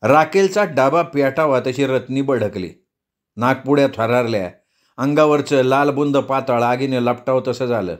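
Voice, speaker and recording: Male storyteller, mid-pitched, vivid and earthy delivery. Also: unhurried. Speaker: narrator. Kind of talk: storytelling reading.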